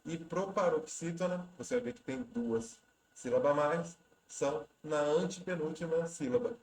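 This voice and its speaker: A man explains exam questions step by step in an easygoing lesson voice. He restarts phrases as he thinks aloud. The room around him adds a clear echo. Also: a little high, moderate pace, a little mellow. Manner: conversational, repeats and restarts words while explaining. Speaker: exam prep teacher.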